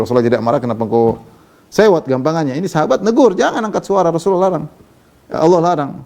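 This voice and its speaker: Male preacher, quick and mellow, reads Arabic then explains casually, sermon commentary. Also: mid-range voice. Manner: reads Arabic text then explains in Indonesian, conversational with fillers. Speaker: Islamic preacher.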